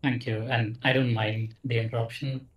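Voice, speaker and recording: A man from India, a software engineer making a polite, measured announcement on a video call. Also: mid-range voice, level tone. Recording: echoey room, distant mic.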